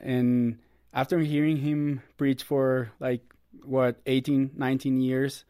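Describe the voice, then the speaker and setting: A man's voice: mid-range voice, little pitch movement, takes it slowly, warm tone, smooth, no echo, studio quality. A man, telling his story as an interview guest in an earnest, upbeat way. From Costa Rica. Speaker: guest, ministry producer. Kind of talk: casual interview.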